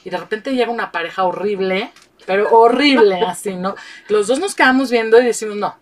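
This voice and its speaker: Brief: middle-aged Mexican woman guest, candid and animated, sits back from the mic. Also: medium pitch, fast talker, a crowd in the background. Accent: Mexican Spanish. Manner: animated, frank, laughs often. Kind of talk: candid storytelling. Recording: voice distant from the mic.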